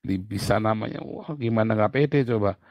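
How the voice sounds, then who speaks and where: A man preaching a sermon, telling family stories in an animated, chatty way with laughs and asides. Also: lowish voice, fairly quick, gravelly, no room sound, muffled recording. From Indonesia.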